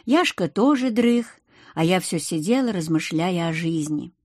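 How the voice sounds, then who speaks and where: A woman reading first-person audiobook narration in an even, measured way. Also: fairly low pitch, dry recording, studio quality.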